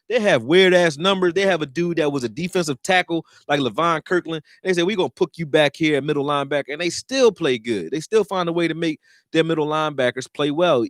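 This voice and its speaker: Philly dude on a football livestream, cussing, gets hyped then mumbles, dry close mic. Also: male voice, no room sound. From Philadelphia, raised; born in Texas. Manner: loose and profane, swings between excited and low mumbling. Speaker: sports talk host. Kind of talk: casual live-stream sports talk.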